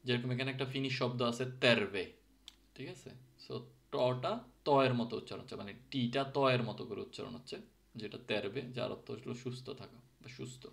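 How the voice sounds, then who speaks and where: A man's voice: mid-range voice, brisk, vocal fry. A man explaining letter sounds in a casual lesson, often checking in with his listeners and mixing English words into his speech. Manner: checks in with "ঠিক আছে?" often. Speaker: language teacher. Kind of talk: explaining pronunciation.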